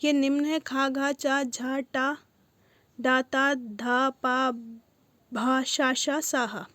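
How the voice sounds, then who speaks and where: Young female tutor, high-pitched, dry close recording, reads revision lists term by term. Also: steady tone, drawn-out words, fairly bright tone, no echo. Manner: lists terms one by one in short bursts. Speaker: teacher. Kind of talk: reading exam notes aloud.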